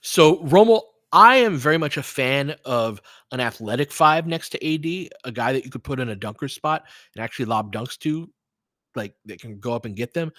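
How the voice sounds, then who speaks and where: On his fan-run play-by-play livestream, an American man casually narrates a basketball game, thinking aloud and chatting with listeners. His voice is medium in pitch and a bit bright, recorded without echo.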